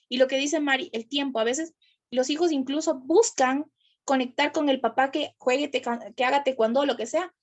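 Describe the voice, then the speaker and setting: High-voiced woman leading a group. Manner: warm, reassuring, quick asides. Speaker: group facilitator. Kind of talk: supportive group discussion.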